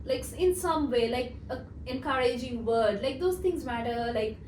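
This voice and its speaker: A young Sri Lankan woman who works as a project coordinator chats casually in an interview, filling her speech with lots of "like" and "um." Her voice sits high, a little mellow, at a normal speed, and the recording is noisy and echoey with the mic at a distance.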